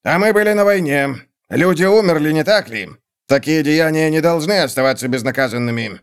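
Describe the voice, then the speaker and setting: A man voicing a pompous, stubborn male guard officer who huffs and insists on formalities, pitched above his own voice. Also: expressive, brisk, clean tone.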